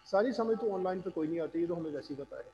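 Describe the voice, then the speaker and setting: A man's voice: a little high, expressive, fast, dark tone, dull audio. Man teaching online in a roomy echo. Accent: Pakistani. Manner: patient, quizzes students. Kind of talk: online class lecture. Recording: roomy reverb, faint noise.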